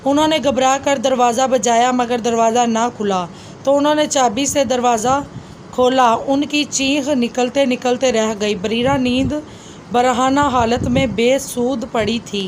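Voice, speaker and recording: Woman narrating a spooky story, high voice, faint hiss under it. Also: steady tone, a little slow.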